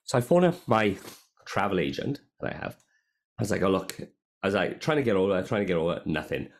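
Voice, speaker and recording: A man's voice: sits low, a little fast, vocal fry. A man telling a story on a casual podcast, swearing often and acting out what people said. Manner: swears a lot, animated, acts out quotes. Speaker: podcast co-host.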